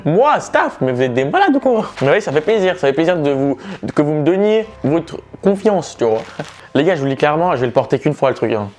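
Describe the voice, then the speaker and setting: Slangy, animated young man vlogging. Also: on the high side, fast. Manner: slangy, animated, laughs often. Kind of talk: casual vlog chat.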